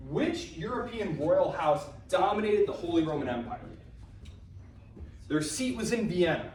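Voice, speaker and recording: This history instructor's voice sits a little high and sounds a little mellow, with some hiss or hum underneath. Captured from afar in a very echoey room, he lectures his class informally, rambling through fillers and side remarks.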